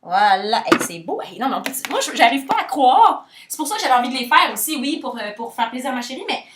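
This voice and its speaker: A woman with a Québécois French accent keeps her home cooking vlog playful and jokey, tossing in English words and singing little chants. She sounds high-pitched and expressive at a quick pace, on a distant mic. The echoey kitchen is filled with the loud whir of an electric hand mixer.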